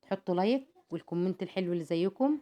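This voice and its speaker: A woman's voice: on the low side, expressive, very fast. A woman with an Egyptian Arabic accent, narrating a home cooking vlog in a chatty way. She explains each step, calls her viewers "my dears" and adds prayers for them. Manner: warm and devout, calls viewers "my dears", prays for them often.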